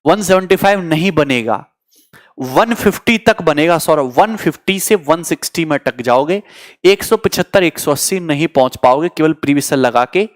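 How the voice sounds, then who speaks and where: A man's voice: fairly high pitch, expressive, moderate pace. A man teaching maths in a live coaching class, joking with students and mixing English terms into his explanations. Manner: teasing, chatty, answers student comments. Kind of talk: online exam coaching lecture.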